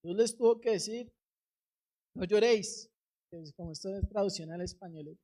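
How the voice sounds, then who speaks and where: A woman's voice: fairly low pitch, fast, mellow, breathy edge. A middle-aged woman preaching a sermon, urging the congregation directly and acting out quoted voices.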